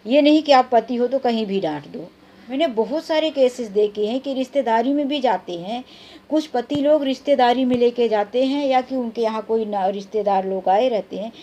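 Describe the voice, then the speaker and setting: A woman's voice: a little high, warm tone, slight background noise. A woman vlogger in her thirties giving earnest, plainspoken advice straight to camera. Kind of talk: advice vlog talking to camera.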